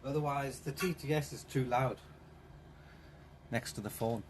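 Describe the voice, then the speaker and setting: A man's voice: mid-range voice, unhurried, slight background noise. A man chatting casually on a live stream in a vehicle workshop, wandering and repeating himself. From South East England. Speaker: streamer fixing his van.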